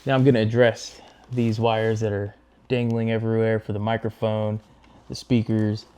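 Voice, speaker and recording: This is a clean recording of a man whose voice is on the low side, level and darkish. As host of a motorcycle gear install tutorial, he narrates each hands-on step in a relaxed, unhurried way while he works.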